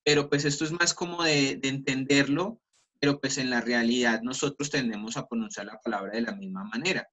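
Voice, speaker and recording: A man with a Colombian Spanish accent teaches an online class over a video call. His voice is bright and forward, and he explains patiently. He slows down to spell out each example. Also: mid-range voice, poor audio.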